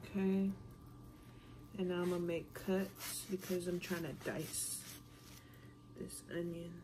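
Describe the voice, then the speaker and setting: A woman's voice: fairly low pitch, slow. Chatty woman cooking in her kitchen. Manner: relaxed, chatty, talks to viewers while chopping. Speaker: cooking vlogger. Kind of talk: casual cooking demo. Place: home kitchen. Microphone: camera on counter facing her torso. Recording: knife chopping noise on board.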